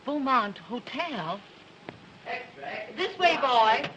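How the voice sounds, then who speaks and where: A woman's voice: high-pitched, animated, extremely slow, fairly bright tone, slight background noise, full character voice, poor audio. An actress playing a kindly, motherly woman who runs a neighborhood house, in early 1930s talkie film sound. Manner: kindly, fussing, reassuring.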